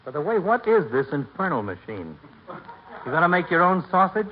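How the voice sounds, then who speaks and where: An actor playing a dry, sardonic middle-aged family doctor with wry, wordy mock politeness in 1940s radio comedy style. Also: male voice, fairly high pitch, very animated, a little fast. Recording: dull, noisy 1940s radio recording.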